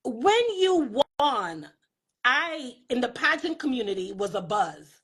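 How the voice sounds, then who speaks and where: A woman's voice: on the high side, big pitch swings, takes it slowly, fairly bright tone, breathy edge. A woman from the Bahamas hosting a live interview over a video call, speaking in an affirming, encouraging way. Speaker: host.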